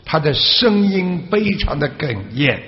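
A man preaching a Buddhist sermon through a story, with drawn-out filler sounds and questions to the audience. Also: a little high, expressive. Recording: echoey hall, dull lo-fi sound.

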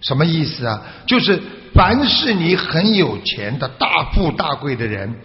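Slow, gravelly male Buddhist preacher. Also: fairly high pitch, big pitch swings. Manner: many drawn-out "ah" fillers, asks the audience questions. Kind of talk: sermon storytelling. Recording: echoey hall, dull lo-fi sound.

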